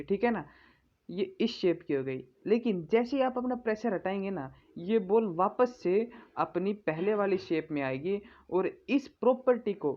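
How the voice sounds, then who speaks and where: A woman teaching physics who reads English definitions slowly and explains them in Hindi, often checking in with her students. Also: mid-range voice, lo-fi sound. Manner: checks in with "ठीक है ना". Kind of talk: exam-prep lesson.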